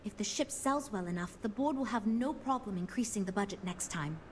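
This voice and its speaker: An actress playing an earnest, diplomatic woman who leads a design team, speaking in a measured, businesslike way in a video game. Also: mid-range voice, expressive, a little hiss or hum, lightly acted. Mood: cautiously hopeful. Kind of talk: scripted game dialogue.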